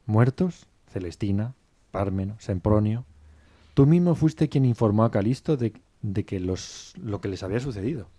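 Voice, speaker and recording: A man's voice: lowish voice, animated, normal speed, warm tone. A man playing Tristán, earnest servant. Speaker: podcast storyteller. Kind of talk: scripted two-hander narration.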